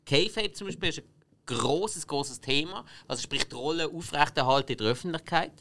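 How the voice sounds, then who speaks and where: Swiss German podcast co-host, young man, bright and slightly high voice, halting delivery. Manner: hesitant, stammers and restarts. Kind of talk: casual chat.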